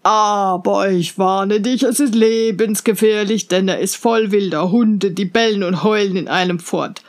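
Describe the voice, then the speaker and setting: A woman voicing a male castle lord who gives a grave warning in a low voice in a fairy tale reading. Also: a little slow, natural voice.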